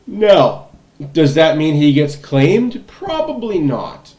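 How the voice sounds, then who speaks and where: A man's voice: fairly high pitch, wildly swooping pitch, slow pace, dark tone. A man hosting a livestream, giving blunt, opinionated fan commentary over a hockey game. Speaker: livestream host. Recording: echoey room.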